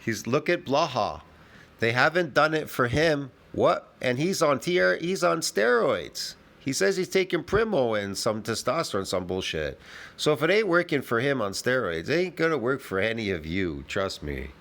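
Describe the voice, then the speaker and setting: Brash, animated man arguing his point. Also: mid-range voice, normal speed, creaky. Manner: brash and argumentative, swears freely. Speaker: reaction commentator. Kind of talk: blunt casual commentary.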